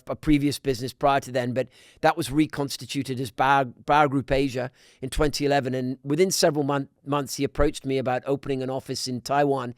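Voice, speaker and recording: A man's voice: mid-range voice, no echo. Middle-aged man, dry close sound. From Scotland. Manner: measured, with frequent restarts and fillers. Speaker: guest, business council president. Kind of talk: conversational podcast interview.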